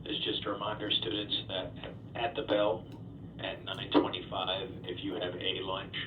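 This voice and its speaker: Low flat guy on the school intercom, tinny speaker, echoey from far off. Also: normal speed, slight background noise. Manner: plain, repetitive reminder. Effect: over the school intercom. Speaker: school announcer. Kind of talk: public address announcement. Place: school building.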